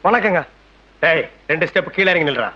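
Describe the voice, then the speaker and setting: An actor playing a swaggering middle-aged neighbourhood tough who bullies and threatens people. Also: male voice, fairly high pitch, animated, brisk, bright, forceful tone, highs cut off. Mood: bullying. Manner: bullying, boastful, threatening. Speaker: local strongman. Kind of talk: film comedy acting.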